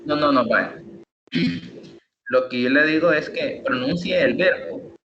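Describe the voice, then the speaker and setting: A man's voice: on the high side, slow, highs cut off, music in the background. A man tutoring English over an online call, explaining spelling rules patiently, step by step. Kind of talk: online teaching.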